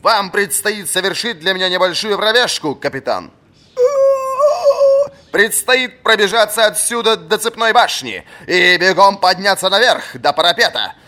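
A man reading an audiobook, voicing a gruff old male fencing marshal who barks commands at his pupil. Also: high voice, expressive, moderate pace, voice pushed up. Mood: commanding. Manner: barking, shouting commands.

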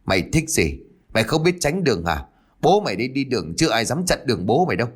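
Guy putting on a rowdy drunk thug in a ghost story, fast and loud, hurling insults. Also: mid-range voice, big pitch swings, breathy edge. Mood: drunk aggressive. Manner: slurring insults, shouting. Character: belligerent drunk man, rough and cursing.

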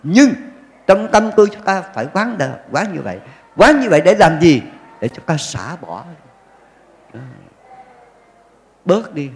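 A man's voice: sits high, big pitch swings, a little slow, creaky, long pauses. A male Buddhist monk giving a folksy dharma talk, telling stories with jokes and acted quotes. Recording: long hall reverb.

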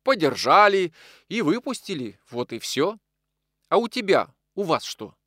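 A man reading an audiobook and voicing an earnest young man who speaks calmly and now and then sharply. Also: sits high, measured pace, no echo, clean studio sound, voice pushed up, exaggerated voice. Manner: calm, earnest, sometimes sharp.

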